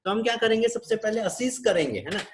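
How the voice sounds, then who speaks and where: Over a video call, a man with an Indian accent lectures an online nursing class, switching between Hindi and English and frequently checking with his students. His voice is high, expressive and fast, and the recording carries a slight hiss or hum.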